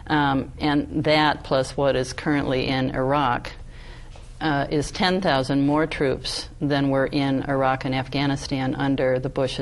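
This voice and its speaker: A woman's voice: extremely low pitch, gravelly, low-quality recording. A woman on a panel, speaking earnestly with many fillers. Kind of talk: panel discussion.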